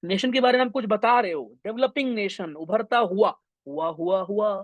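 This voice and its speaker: A young man teaching English grammar in an online exam-prep class, energetic and mixing English terms into his talk. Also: high-pitched, fairly quick, no room sound. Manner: energetic, mixes Hindi with English terms, addresses students as brothers.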